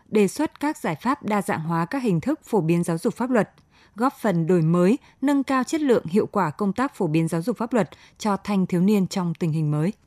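A woman's voice: mid-range voice, darkish tone, dry recording, clean studio sound. A woman reading a formal news report as presenter. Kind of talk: scripted news narration.

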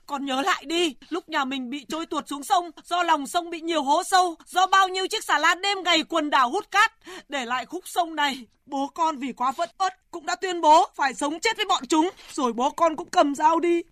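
A woman's voice: extremely high pitch, normal speed, hardly any pauses, fairly bright tone, no room sound, clean studio sound. An actress playing an anxious rural mother who pleads with her grown son in a radio drama. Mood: pleading. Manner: pleading, emotional.

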